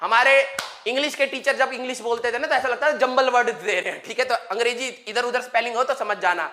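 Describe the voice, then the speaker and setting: A man's voice: very high-pitched, quick pace, pushed and bright, slight background noise. A young man from Haryana teaching physics in an online exam-prep lecture, chatty and joking with students, drawing out definitions word by word. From Haryana, India.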